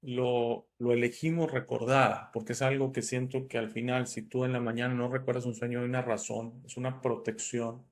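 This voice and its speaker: A man's voice: medium pitch, flat delivery, moderate pace, few pauses. A man from northern Italy, the host, telling a personal story in a reflective, casual way. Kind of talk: casual chat.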